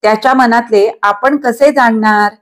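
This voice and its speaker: A woman voicing a gentle, thoughtful elderly grandfather in a read-aloud novel. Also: fairly high pitch, fairly even intonation, measured pace, lightly acted.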